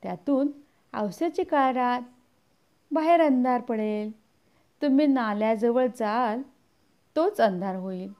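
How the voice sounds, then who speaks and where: A woman's voice: fairly high pitch, takes it slowly, pauses often, smooth, highs cut off. A woman reading as an anxious old village woman. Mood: pleading warning.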